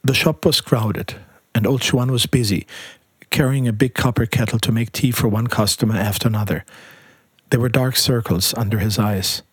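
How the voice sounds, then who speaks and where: A man narrating a story in a measured, even reading. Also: mid-range voice, husky, no room sound. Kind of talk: scripted audiobook narration.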